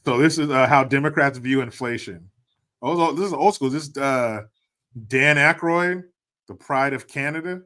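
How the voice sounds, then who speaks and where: A man's voice: mid-range voice, moderate pace, sharp tone. A man hosting a podcast, chatting casually, joking and swearing. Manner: laid-back, joking, swearing. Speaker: podcast host. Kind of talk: casual chat.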